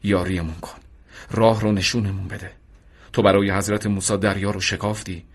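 An earnest, devout battalion commander, as a man reads him out in a radio drama reading, speaking in a fairly low, steady voice. He talks plainly and gets fervent when he pleads. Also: natural voice. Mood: pleading.

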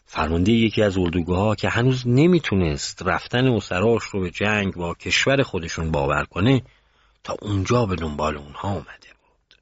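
A man narrating a scripted story in a calm, measured way. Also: low-pitched, slightly rough, dry recording. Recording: dull muffled recording.

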